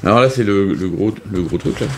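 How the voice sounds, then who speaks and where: A man's voice: on the low side, fairly quick, background noise. A man casually explaining a board game setup, hesitant with many fillers and restarts. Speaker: board game video host. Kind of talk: casual unscripted game tutorial.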